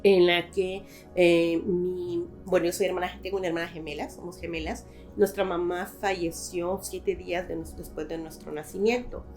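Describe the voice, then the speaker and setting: A woman's voice: fairly low pitch, steady tone, normal speed, a little mellow, faint music behind. A middle-aged woman from Guatemala, a guest in a conversational interview, speaking thoughtfully with frequent hesitations.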